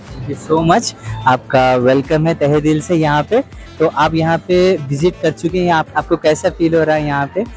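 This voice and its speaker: Upbeat high-voiced vlogger. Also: male voice, steady tone, moderate pace, a little mellow, soft background music. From Hyderabad, India. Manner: upbeat, chatty presenter. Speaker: vlogger and host. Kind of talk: walking store tour vlog. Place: large busy supermarket indoors.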